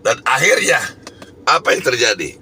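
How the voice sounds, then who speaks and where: Forceful, bright-voiced male preacher. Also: medium pitch, big pitch swings, moderate pace, creaky, slight background noise. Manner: emphatic storytelling, bursts of raised voice. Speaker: evangelist preacher. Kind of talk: sermon testimony.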